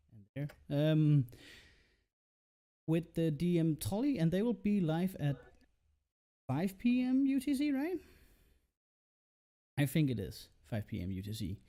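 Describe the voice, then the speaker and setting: A man's voice: fairly high pitch, mellow. A man hosting a tabletop game stream as game master, talking loosely, swearing and laughing a lot. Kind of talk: casual stream intro.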